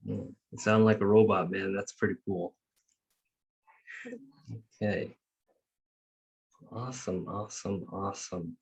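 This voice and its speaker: A man facilitating an online youth meeting, speaking in a measured, formal way as he reads prepared remarks over a video call. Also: low voice, steady tone, creaky, darkish tone, husky.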